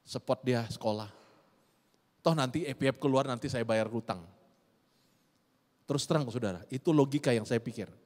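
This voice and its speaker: A middle-aged pastor, preaching an animated sermon and often calling out to the congregation. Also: male voice, medium pitch, moderate pace, long pauses. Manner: animated preaching, rhetorical questions, frequent "saudara". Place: church hall. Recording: church hall reverb.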